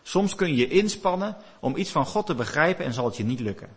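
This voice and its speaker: A male preacher delivers his sermon with a husky, slightly raised voice. His pitch swings widely as he tells the story, rising and then falling low. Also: fast. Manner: animated storytelling, rises and drops in pitch.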